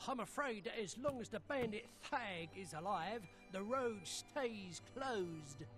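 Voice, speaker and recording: A man's voice: high voice, animated, slow, a bit bright, soft background music, exaggerated voice. An actor playing a stiff, officious male road guard in a video game, with a formal, clipped manner. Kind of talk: video game character dialogue.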